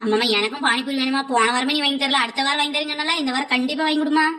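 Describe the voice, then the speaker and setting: A woman's voice: sits high, fairly even intonation, racing, sharp tone, recorded from a distance. A woman voicing a whiny little girl in a cartoon comedy, pleading with her mother over and over. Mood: whining. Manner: pleading, whining repetition.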